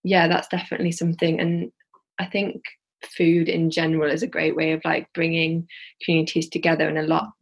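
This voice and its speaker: A Yorkshire-accented social enterprise founder from England thinks aloud about her plans as a casual interview guest, rambling and restarting. Her voice sits low, creaky and husky, with a completely flat delivery at a fairly quick pace.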